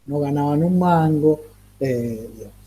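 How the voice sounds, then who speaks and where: Guy teaching a class, kinda high voice but really warm and soft, lots of stops and restarts. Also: slight background noise. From Argentina. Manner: halting, with many repeated words and fillers, asking rhetorical questions. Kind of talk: recorded class lecture.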